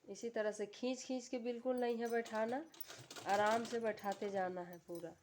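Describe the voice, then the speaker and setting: Calm woman giving sewing instructions. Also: fairly high pitch, moderate pace, slight background noise. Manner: calm, repetitive instructional voice-over. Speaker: sewing tutorial host.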